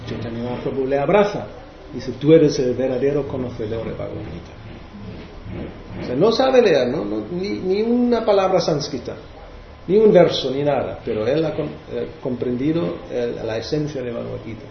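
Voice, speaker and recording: A man's voice: on the high side, expressive, moderate pace, creaky, noisy background. Man teaching scripture in a roomy hall. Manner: hesitant, many restarts, explaining verses. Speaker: spiritual teacher. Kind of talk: devotional class with questions. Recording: roomy, dull recording.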